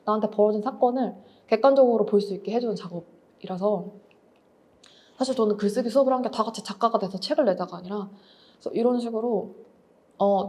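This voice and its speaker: A woman's voice: mid-range voice, warm tone. A woman in her thirties, an author and writing teacher, giving a candid, reflective talk and explaining with everyday examples. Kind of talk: lecture talk.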